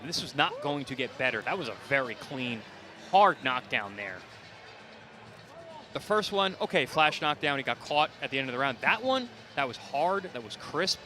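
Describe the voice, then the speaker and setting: A man's voice: medium pitch, pushed and bright. A man giving live boxing commentary as an analyst, stressing key phrases by repeating them.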